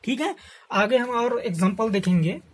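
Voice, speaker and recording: A woman teaching a grammar lesson who repeats each example slowly and quizzes the listener. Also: a little high, lively intonation.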